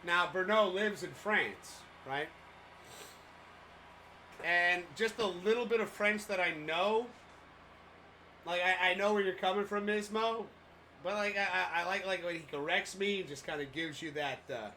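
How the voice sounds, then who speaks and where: A man's voice: high voice, a little slow, long pauses, pushed and bright, slight background noise. A man co-hosting a live sports stream, chatting casually and rambling with lots of fillers while reading out viewer messages. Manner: loose and rambling, many fillers and restarts.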